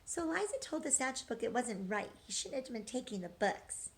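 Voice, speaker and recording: With a slightly high, animated voice, a woman teacher reads a rhyming picture book to young kids. She keeps it gentle and engaging and pauses to ask questions.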